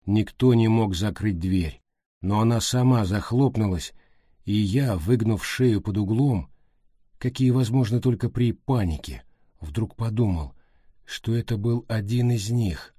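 Male narrator, steady storytelling, dark mellow tone, dry recording. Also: lowish voice, measured pace, slightly rough, no room sound. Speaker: audiobook narrator. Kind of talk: scripted narration.

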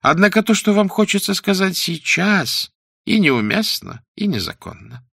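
Guy putting on a sick melancholy judge, soft almost whiny voice, slow and sweetly menacing, high and bright. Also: very animated, creaky, husky, dry recording, studio quality, exaggerated voice. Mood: falsely gentle. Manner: slow, silky, falsely mild. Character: sickly melancholy cruel chief judge, man near forty.

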